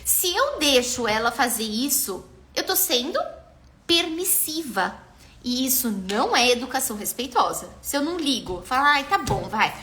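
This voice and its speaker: A woman's voice: high voice, sing-song, moderate pace, bright, forceful tone. A Brazilian woman in her thirties hosting a live stream on parenting, talking casually and animatedly and acting out what parents and children say. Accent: Brazilian Portuguese.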